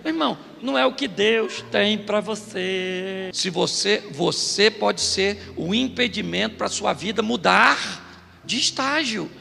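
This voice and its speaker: A middle-aged Brazilian pastor giving a comic sermon in a church, bursting into shouts and acting out voices. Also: male voice, high voice, a little slow, gravelly, in a large hall, a little hiss or hum. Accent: Brazilian Portuguese. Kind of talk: humorous Pentecostal sermon. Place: church hall.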